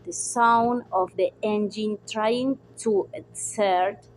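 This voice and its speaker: Slow, careful young woman storyteller. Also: mid-range voice, steady tone, a little hiss or hum, low-quality recording. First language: Spanish. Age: young adult. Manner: slow, careful reading, with pauses between phrases. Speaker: student narrator. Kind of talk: read-aloud story narration. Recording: voice over loud background music.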